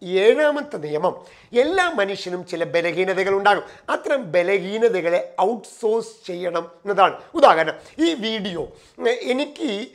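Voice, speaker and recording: High-voiced middle-aged man giving career advice. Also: expressive. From Kerala, India. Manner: numbered points, shifting between quick runs and slow stressed phrases. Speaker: career trainer and personal coach. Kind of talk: motivational talk.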